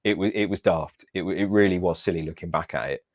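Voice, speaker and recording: A man, a Paralympic athlete, telling stories in an interview in a lively, self-mocking way and acting out the voices he quotes. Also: deep voice, fast, no echo, muffled recording. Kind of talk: storytelling interview answers.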